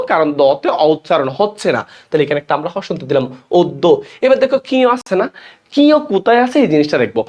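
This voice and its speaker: A young man with a Bangladeshi Bengali accent teaching a class, explaining step by step and often asking his students questions. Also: sits high. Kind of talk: classroom lecture.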